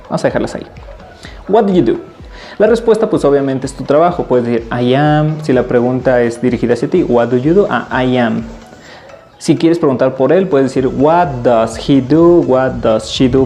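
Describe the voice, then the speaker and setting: A man with a mellow, relaxed voice teaches English, explaining in Spanish and repeating each example phrase slowly and clearly. Faint music plays softly behind him. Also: mid-range voice. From Mexico. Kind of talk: English lesson taught in Spanish.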